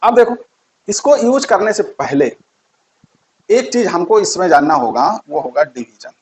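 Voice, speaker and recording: A man's voice: sits high, lively intonation, a little slow, poor audio. A man giving a physics lesson, repeating key terms and quizzing his students. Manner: repeats key terms, asks quiz questions. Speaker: teacher.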